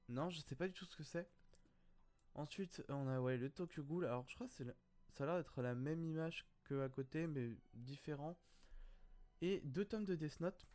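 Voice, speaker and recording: Brief: young male YouTuber, fairly high voice, casual hesitant commentary. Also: a little mellow. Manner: hesitant, many fillers, thinking aloud. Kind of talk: casual commentary on viewers' photos.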